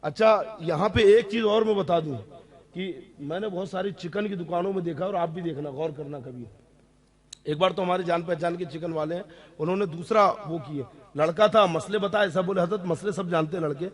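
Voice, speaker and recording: A man, an Islamic scholar, answering audience questions on religious rules, stressing key points and often checking that listeners follow. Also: sits high. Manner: emphatic, repeats key rulings.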